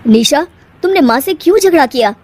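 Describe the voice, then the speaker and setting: A woman voicing a calm, patient young husband in a cartoon, in a soothing tone. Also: high-pitched, a little fast, pitched above the performer's own voice. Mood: gentle. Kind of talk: cartoon voice acting.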